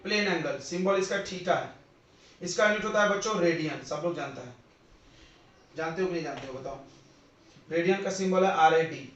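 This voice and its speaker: A male physics teacher lecturing a class, quizzing his students and dictating definitions slowly, word by word. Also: fairly high pitch, fairly bright tone. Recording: roomy, distant, dull classroom recording.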